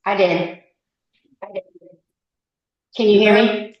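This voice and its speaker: A woman's voice: mid-range voice, steady tone, slow. A woman calling into a meeting remotely on an echoing speakerphone, asking pointed, confrontational questions. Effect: echoing speakerphone call audio. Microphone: phone on speaker, remote call. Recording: muffled, echoey remote call line.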